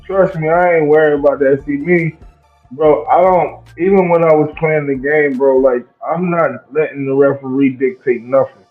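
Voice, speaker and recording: A man co-hosting a sports talk show, speaking in relaxed conversation and often checking that he is understood. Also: on the high side, normal speed, faint music behind. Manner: relaxed, conversational, keeps asking "you know what I'm saying". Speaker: co-host, former player. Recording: tinny phone-like line.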